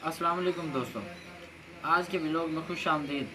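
A man's voice: fairly high pitch, fairly quick. Chatty father vlogging in a noisy courtyard. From Pakistan. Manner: chatty, teasing questions to the kids. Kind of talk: casual family vlog chat. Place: outdoor village courtyard. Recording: outdoor courtyard with clear noise.

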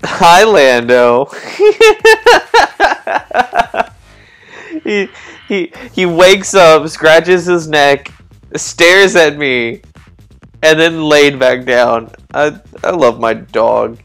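A man hosting a let's play, reacting excitably to the game in casual commentary. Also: on the high side, drawn-out words, long pauses. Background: game music.

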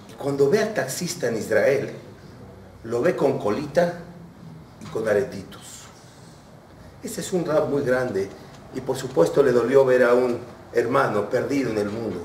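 A man, a rabbi giving an animated storytelling sermon. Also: medium pitch, measured pace, long pauses. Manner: animated storyteller who acts out the characters. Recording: roomy, distant mic, faint noise.

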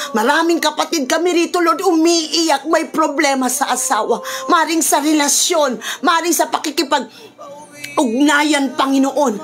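A Filipino woman preaching, then leading a fervent prayer and mixing English phrases into her speech. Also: sits high. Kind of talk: sermon and prayer.

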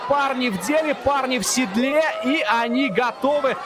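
A man's voice: very high voice, normal speed. A man giving live football commentary, describing the play and the replays. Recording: loud stadium crowd and outdoor noise. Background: football crowd and stadium ambience.

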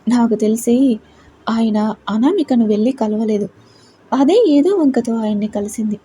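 Woman playing a young wife, storybook, gentle, respectful, thinking aloud, high, mellow. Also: moderate pace, slight background noise, lightly acted. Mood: earnest.

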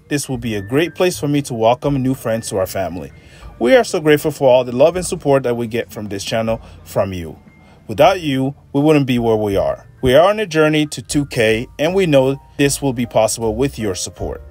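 A man in his thirties reviewing a flight in a measured, matter-of-fact way, filmed on a phone in an airplane cabin. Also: mid-range voice. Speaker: travel vlogger. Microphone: phone held at arm's length.

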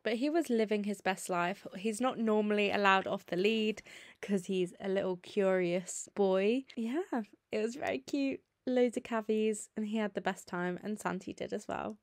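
A woman's voice: medium pitch, normal speed, dry recording. A young woman giving a casual, chatty voice-over for her vlog, giggling now and then. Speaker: vlogger. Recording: dry voice-over with faint music.

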